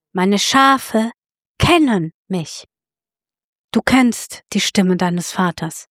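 Woman preacher, higher voice, story-driven sermon, dry recording. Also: a bit bright, dry recording. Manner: storytelling, appealing directly to listeners.

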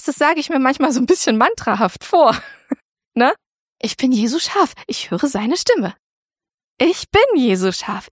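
A woman's voice: a little high, no echo, studio quality. A woman giving a casual spoken devotional talk, colloquial and repeating phrases like a mantra.

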